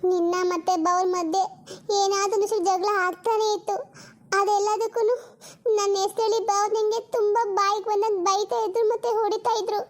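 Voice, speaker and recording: A woman doing a timid tearful young sister. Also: extremely high pitch. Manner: hesitant, stammering, pleading.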